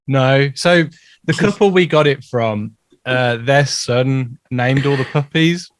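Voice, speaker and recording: A man's voice: mid-range voice, slow pace, dry recording. Young male podcast co-host, rambling and casual, dry recording. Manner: chatty, rambling, laughs often. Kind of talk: casual chat.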